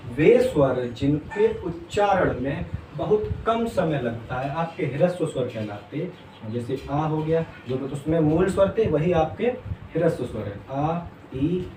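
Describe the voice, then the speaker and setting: Teacher talking from across an echoey room. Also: male voice, a little high, mellow, recorded from a distance. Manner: patient, repeats questions to students and answers them; uses "theek hai" constantly as a check-in. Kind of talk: classroom lesson on Hindi vowels. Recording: echoey room, voice from off the mic, faint hum.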